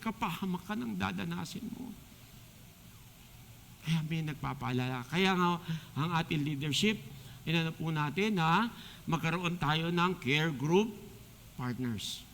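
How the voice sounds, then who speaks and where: High, bright-voiced Filipino deacon preaching. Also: male voice. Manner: joking, animated, mixes English into talk. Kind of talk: sermon. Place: church hall. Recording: long church hall reverb.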